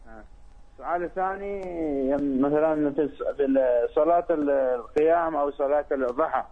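A man calling in to a program, asking his question with hesitant, halting starts. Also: fairly high pitch. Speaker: caller. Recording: phone line.

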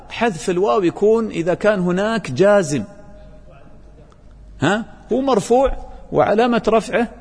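Husky man teaching in an echoey hall. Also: high voice, darkish tone. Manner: quizzes students, recites verses slowly. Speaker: Quran teacher. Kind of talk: tafsir and grammar lesson.

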